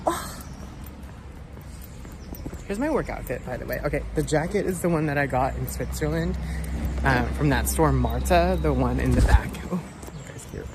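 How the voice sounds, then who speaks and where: A woman's voice: rumbling low, expressive, normal speed, long pauses, background noise. A woman travel vlogger chatting casually to a handheld camera, rambling with lots of fillers, while walking through city streets and in a hotel room. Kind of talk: casual vlog chat to camera.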